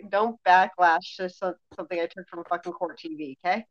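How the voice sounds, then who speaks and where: Sarcastic lady cohost, swears a lot, lowish voice, muffled lo-fi audio. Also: steady tone, brisk, slight background noise. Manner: sarcastic, teasing, swears casually. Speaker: podcast co-host. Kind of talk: casual podcast chat. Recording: dull lo-fi sound.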